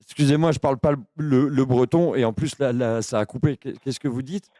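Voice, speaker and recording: A man's voice: medium pitch, fairly even intonation, warm tone, dry recording, voice pushed down, lightly acted. A man doing a mumbling, stammering sick patient. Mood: muddled. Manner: stammering, halting, trailing off. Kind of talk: prank phone call.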